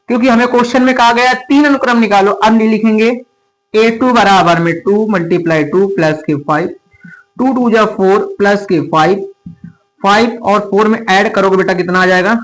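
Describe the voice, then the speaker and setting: A man teaching a maths lesson, who keeps addressing students fondly and asking if the point is clear. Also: high voice, poor audio. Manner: calls students "beta", checks understanding often.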